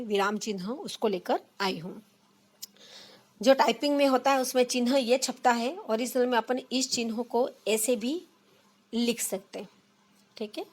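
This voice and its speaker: Young adult woman, high voice, patient step-by-step teacher for exam prep, repeats key terms. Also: a bit bright. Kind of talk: exam-prep grammar lesson.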